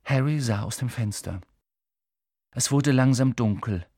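A man reading a children's novel aloud as an expressive audiobook narrator. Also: medium pitch, measured pace, husky, dry recording, clean studio sound. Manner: expressive, lively storytelling.

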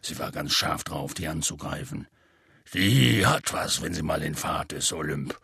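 A huge, rough-spoken half-giant with a very deep, gravelly, husky rasp and a sharp edge to it. He tells his tale in a folksy way, peppered with curses, in a dry, close recording for an audiobook. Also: animated, unhurried, no room sound, exaggerated voice. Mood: gruff storytelling. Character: huge gruff half-giant gamekeeper, rough and warm-hearted. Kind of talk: audiobook character voice.

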